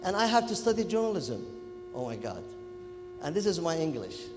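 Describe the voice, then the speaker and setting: A man from Kuwait with a Gulf Arabic accent, a native Arabic speaker, giving an animated, informal interactive lecture to students and often checking in with them. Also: a little high, moderate pace, background noise. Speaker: public speaking workshop lecturer. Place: echoey event hall. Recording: echoey hall, music in the background.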